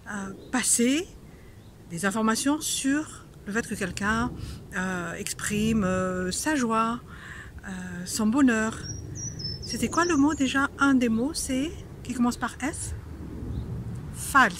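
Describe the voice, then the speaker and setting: A woman's voice: fairly high pitch, fairly bright tone, slight background noise. A woman teaching a casual video language lesson, playful, laughing often and pretending to be angry.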